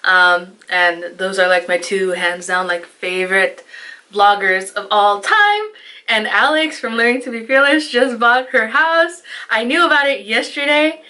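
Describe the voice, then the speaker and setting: A young woman vlogging to her viewers in a chatty, animated way, often laughing. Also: medium pitch, unhurried, low-quality recording. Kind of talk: casual chat to camera.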